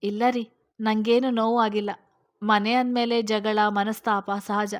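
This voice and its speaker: A woman's voice: mid-range voice, level tone, measured pace, close to an everyday voice. A woman voicing a hurt but consoling young wife in a read-aloud story. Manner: gentle, consoling.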